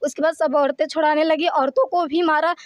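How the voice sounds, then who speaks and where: A woman's voice: high-pitched, fairly even intonation, a little fast. A woman, the sister of a victim, giving a long account of an attack to a reporter. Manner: long breathless account, quoting threats.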